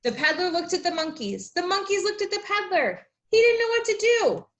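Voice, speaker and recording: A woman teacher reading aloud and explaining things to young children, with expressive, deliberate emphasis. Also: extremely high pitch. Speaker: elementary school teacher.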